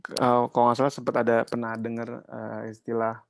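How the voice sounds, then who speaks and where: A man's voice: mid-range voice, monotone, brisk, no echo. Hesitant male webinar moderator, dry sound. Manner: hesitant, fillers while asking. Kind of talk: casual questioning.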